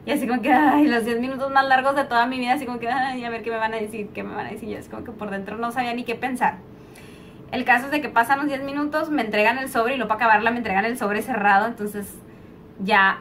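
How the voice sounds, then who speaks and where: Young Mexican woman, rambling chatty storyteller, higher voice, faint background hiss. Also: fairly bright tone, far from the mic. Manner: rambling, chatty, full of "o sea" fillers. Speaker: vlogger. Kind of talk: casual story-time monologue.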